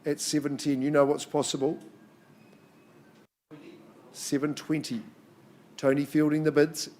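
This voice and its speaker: Higher-voiced man calling a live property auction. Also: level tone, a little slow, dark tone. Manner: chatty patter between clipped, repeated number calls. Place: in-room auction.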